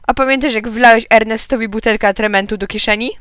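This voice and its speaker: A woman reading an audiobook, voicing a jovial, loud middle-aged man who teases his old school friend in a hearty, booming way. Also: fairly even intonation, quick pace, clear, resonant tone, no room sound, clean studio sound, lightly acted. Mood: jovial teasing.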